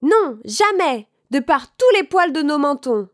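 A woman voicing the stubborn little pigs of a storybook, speaking slowly and emphatically. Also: sits high, big pitch swings, no room sound, clean studio sound, pitched above the performer's own voice. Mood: defiant.

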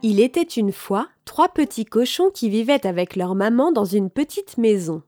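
A woman's voice: fairly high pitch, lively intonation, normal speed, darkish tone, faint music behind. Woman reading a children's story aloud.

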